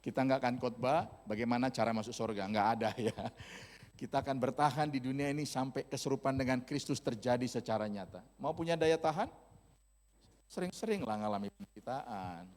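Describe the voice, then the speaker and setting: A man's voice: mid-range voice, brisk, a little mellow. A male pastor preaching a sermon, telling stories in a humorous, casual, slangy way. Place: church hall. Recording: long church-hall reverb.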